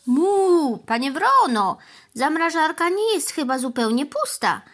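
Woman voicing a mother cow, storybook, mooing interjections, plaintive, pleading, very high voice. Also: very animated, a little slow, fairly bright tone, heavily acted. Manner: lowing "moo" interjections, plaintive. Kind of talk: children's storybook reading.

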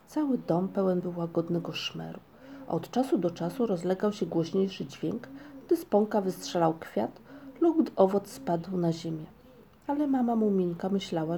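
A woman reading a children's storybook aloud as narrator, calm and even-paced. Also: mid-range voice, slight background noise.

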